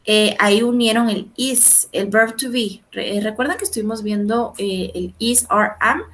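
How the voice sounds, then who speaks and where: A woman teaching an English class, explaining step by step, often checking in with her students and slowing down to pronounce English phrases. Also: fairly high pitch, fairly bright tone, a little hiss or hum. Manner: explanatory, frequent checks like "¿verdad?" and "¿sí?". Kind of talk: online class lecture.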